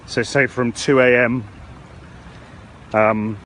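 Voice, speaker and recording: A man giving an earnest, halting, unscripted live news report outdoors in a storm, speaking into a phone. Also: mid-range voice, little pitch movement, fairly bright tone. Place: outdoors near a hotel in a storm. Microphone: phone held by the speaker. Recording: noisy outdoor wind and rain. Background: storm ambience.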